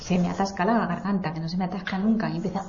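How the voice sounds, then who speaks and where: A woman guides a small circle of students, calm and explanatory. Her voice is mellow and dark. The recording is roomy and a little dull, with faint hiss behind. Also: lowish voice, racing. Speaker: meditation teacher. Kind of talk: teaching a small group. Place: room with people seated in a small circle.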